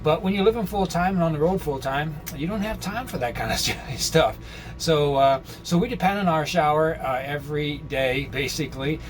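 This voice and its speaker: A man hosting a casual how-to vlog from inside a small trailer, talking viewers through a repair in a folksy, halting way. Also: fairly high pitch, soft background music. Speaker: host of an RV living how-to vlog. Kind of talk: casual DIY tutorial. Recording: clear background noise, location sound.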